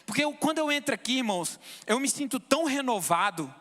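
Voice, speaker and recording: A man's voice: very high voice, sing-song, fast talker, fairly bright tone, in a large hall. A man in his thirties from Brazil giving an emotional, fervent testimony in church, often calling out to the brothers. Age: 30s.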